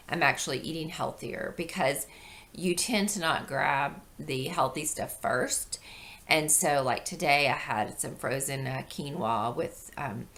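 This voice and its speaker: A middle-aged woman with a low, hoarse voice full of gravelly creak and a wheezy edge. She speaks like a video blogger chatting to followers, rambling conversationally as she explains things. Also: fairly bright tone. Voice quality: wheezy, breathy intake from asthma. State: hoarse with a chest infection. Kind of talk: casual personal vlog.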